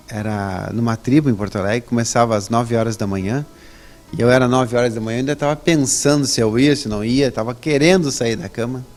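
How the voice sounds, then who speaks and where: A man shares his personal religious testimony as an interview guest. His voice sits at an everyday middle pitch, and he tells the story in a relaxed, chatty way, rising in pitch when he stresses a point. He often tags his sentences with a quick questioning check-in.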